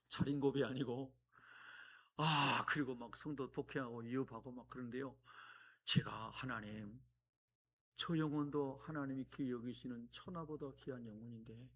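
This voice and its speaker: A middle-aged man preaching a sermon as a guest preacher, telling stories with sudden loud exclamations. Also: mid-range voice, gravelly. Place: church sanctuary.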